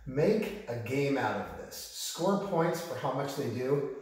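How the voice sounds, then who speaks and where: Male fitness coach, mid-pitched, relaxed and encouraging, moving while demonstrating; heavy hall echo, picked up from across a big bare room. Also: slow, far from the mic. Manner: relaxed and encouraging, checks in with "okay?". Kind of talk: casual instructional talk. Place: large empty room with bare floors, no furniture.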